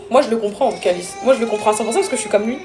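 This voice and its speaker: A woman's voice: on the high side, racing, music in the background. A woman who is a mother filming a casual vlog at home. She chats to camera and coos at her children. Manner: chatty, switches between cooing at her kids and confiding in viewers. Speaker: family vlogger and mother. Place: indoors at home. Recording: echoey room with loud background noise.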